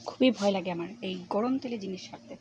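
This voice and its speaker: A young woman talks softly through a casual cooking vlog, keeping her voice low so people nearby will not hear. She is recorded without a mic in a dim home kitchen, and clear background noise and household ambience run under her speech. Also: fairly quick. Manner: speaks softly and low because others are nearby. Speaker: cooking vlogger. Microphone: no external mic.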